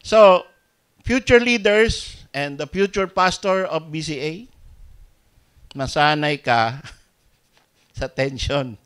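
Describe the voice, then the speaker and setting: A man with a Filipino accent preaching a sermon as pastor, mixing Tagalog and English, dropping to soft asides and rising to loud emphatic peaks. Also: fairly high pitch, slow pace, long pauses, smooth.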